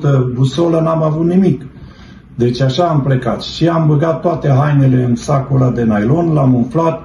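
A man's voice: on the high side, warm tone. Earnest middle-aged man in a roomy space. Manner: earnest, fervent, addresses listeners as brethren. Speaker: person giving a testimony. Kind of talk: personal religious testimony, storytelling. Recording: roomy, dull, slightly noisy.

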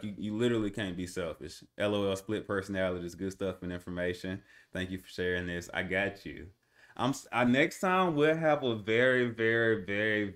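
A young man hosting a live stream, chatting casually in slang with his viewers, with instrumental music playing behind him. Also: low voice. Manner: laid-back slangy banter with chat, rising to excited hype.

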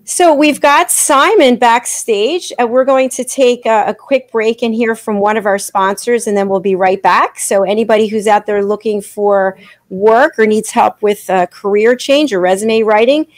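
A woman's voice: medium pitch, normal speed, dry recording. A woman hosts a live online talk show, upbeat and gracious as she thanks her guests. Her voice sits close and dry, with no room sound. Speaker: host.

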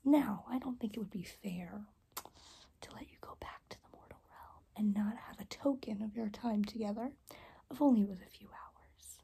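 A young woman in a whispered role-play as a caring rainbow fairy, speaking in a gentle, reassuring, breathy whisper. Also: medium pitch, normal speed. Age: young adult. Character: caring, soft-spoken rainbow fairy guide. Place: small room indoors.

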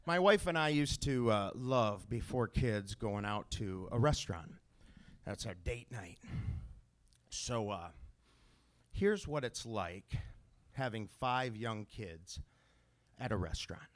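A middle-aged man doing a stand-up routine, playing an exasperated parent who scolds and rises to shouts. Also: lowish voice, animated, slow, pauses often. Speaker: stand-up comedian. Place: comedy club stage.

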